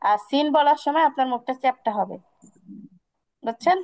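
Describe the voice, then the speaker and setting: A woman with a high, light voice leads an online class. She patiently repeats each syllable over and over to drill the pronunciation. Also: animated, a little mellow, no room sound, poor audio. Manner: patient, drills sounds by repeating them slowly. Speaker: Quran recitation teacher.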